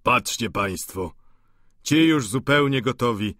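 A man's voice: medium pitch, animated, slow pace, fairly bright tone, no room sound, clean studio sound. Man playing a jovial teasing lodger. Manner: hearty, teasing, playful. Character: jovial boisterous middle-aged male lodger.

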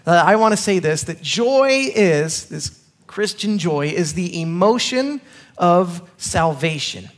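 A high-voiced pastor in his thirties preaches a casual sermon in a church sanctuary, joking and chatting conversationally with restarts and small laughs. He's recorded on a clip-on microphone.

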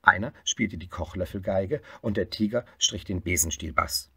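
Male picture-book reader, low, expressive, slightly husky. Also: normal speed, no room sound, studio quality. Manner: lively, expressive reading, swelling louder in happy parts. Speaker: storyteller. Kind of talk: reading a picture book aloud.

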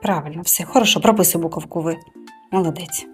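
A woman's voice: fairly low pitch, fast, faint music behind. A woman tutor teaching a child to read, patiently coaxing and drawing out each sound. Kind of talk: live reading lesson with a child.

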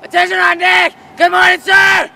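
A man's voice: very high-pitched, level tone, brisk, gravelly, pushed and bright, recorded from a distance, a little hiss or hum, full character voice. A young man playing a tense, obedient military recruit in a film, barking out his replies outdoors. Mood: strained obedience. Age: young adult. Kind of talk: shouted military drill responses. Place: outdoors on a training ground.

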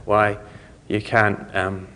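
Low-voiced New man lecturing, echoey hall. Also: monotone, sharp tone. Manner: halting, informal explanatory delivery with trailing thoughts. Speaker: conference speaker. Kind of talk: technical lecture to an audience. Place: conference lecture room, indoors. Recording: reverberant hall recording.

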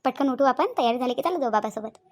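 A woman's voice: high-pitched, fast, darkish tone. A woman with a Vidarbha Marathi accent voicing an eager young daughter-in-law in a cartoon. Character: cheerful young newly married daughter-in-law. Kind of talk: cartoon voice acting.

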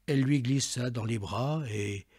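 A man reading a short story aloud with dramatic, expressive narration. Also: mid-range voice, a little slow, breathy edge. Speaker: reader.

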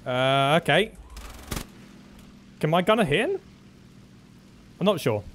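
High-voiced giggly man gaming. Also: lively intonation, takes it slowly, a bit bright, slight background noise. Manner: giggly, breaks into frequent laughter. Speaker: gaming commentator. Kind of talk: gameplay commentary.

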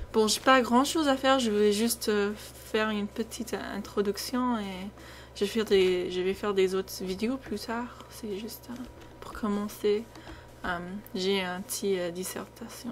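This is a young adult woman from the United States, a native English speaker with an American accent and a mid-range voice, giving casual, hesitant gameplay commentary that often trails off. She creates gaming videos, and her noisy home recording carries video game sounds behind her.

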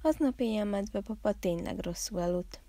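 A woman from a library reading a children's Christmas story aloud, calm and unhurried. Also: mid-range voice, no echo.

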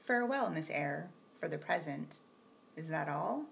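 A woman reading the part of a brusque, teasing gentleman employer with a gruff, commanding manner. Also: a little high, lively intonation, a little slow, full character voice. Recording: slightly muffled with faint hiss.

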